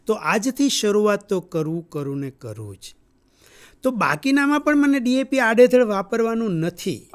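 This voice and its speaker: A man with a notably high voice gives a training lecture to farmers. He tells stories and keeps asking his listeners questions to pull them in. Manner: storytelling with rhetorical questions to the audience. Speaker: agriculture trainer. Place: training hall.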